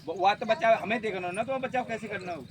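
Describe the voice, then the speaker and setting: A man with a high voice gives firm spiritual advice to a visitor. He talks in an assertive, insistent way, and often stops to check he is understood. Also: quick pace, noisy background. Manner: assertive, repeats "guarantee" and checks "ठीक है?". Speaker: faith healer at a shrine. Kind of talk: advising a visitor.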